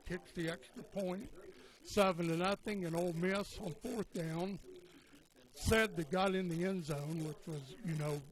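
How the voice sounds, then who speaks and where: A man's voice: sits high, rough recording. An older man, a local sports radio commentator telling a long, meandering story in a folksy way and correcting himself as he goes. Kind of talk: rambling storytelling on a sports broadcast.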